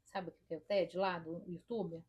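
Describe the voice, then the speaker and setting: A woman's voice: fairly low pitch, steady tone, moderate pace, a little mellow, slightly rough, muffled recording. A woman therapist with a Brazilian Portuguese accent giving emphatic, demonstrative advice straight to the viewer. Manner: emphatic, demonstrative, quotes her own inner voice. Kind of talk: direct-to-camera advice talk.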